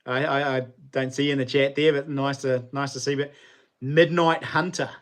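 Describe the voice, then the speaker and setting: A man's voice: medium pitch, level tone, brisk. Casual New Zealand man chatting on livestream. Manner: informal, rambling, slangy. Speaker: livestream host. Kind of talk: casual livestream chat with viewers.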